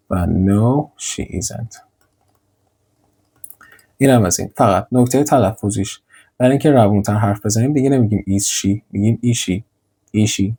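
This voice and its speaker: A young male teacher with a husky, mellow voice walks learners through English drills. He says each model sentence slowly and deliberately, then repeats it. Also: on the low side. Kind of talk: grammar lesson with slides.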